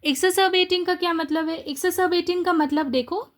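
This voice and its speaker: A woman's voice: very high-pitched, fairly quick. A young woman teaching an exam-prep English lesson, asking her students rhetorical questions and explaining the answers step by step. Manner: lively, rhetorical questions, mixes Hindi and English.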